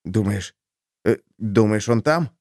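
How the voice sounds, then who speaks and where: A man's voice: on the low side, lively intonation, slow, darkish tone, dry recording, clean studio sound. A man voicing a timid, stammering man with a trembling voice in an audiobook story. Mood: nervous.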